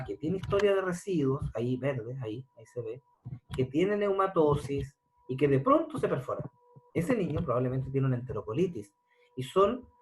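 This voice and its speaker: A man's voice: on the high side, a little hiss or hum, poor audio. A man, a pediatric surgeon, giving a medical lecture and asking his audience rhetorical questions. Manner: explanatory, asks rhetorical questions.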